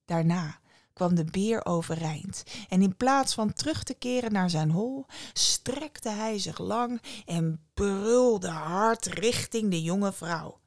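A woman narrating a fairy tale for her podcast, calm and measured. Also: medium pitch, no room sound, studio quality. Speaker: podcast storyteller. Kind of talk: storytelling narration.

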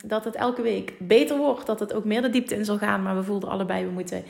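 A woman from Limburg with a thick Limburg Dutch accent, co-hosting a casual, unedited podcast, chatty and quick to laugh, slipping in English phrases. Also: medium pitch, fairly even intonation, gravelly, a little mellow. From Limburg, Netherlands. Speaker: podcast co-host.

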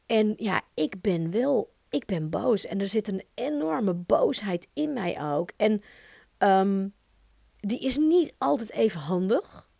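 A woman in her thirties with a Dutch accent, hosting her own podcast and talking in an expressive, emphatic way. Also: mid-range voice, takes it slowly, gravelly, dry recording, studio quality. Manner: intense, expressive, emphatic with swearing. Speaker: podcast host. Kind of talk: solo podcast monologue.

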